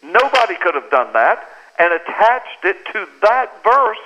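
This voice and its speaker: With a high voice and measured pace, an American man who authored a book shares a story in a radio interview over a lo-fi phone line, animatedly impersonating the people whose words he quotes.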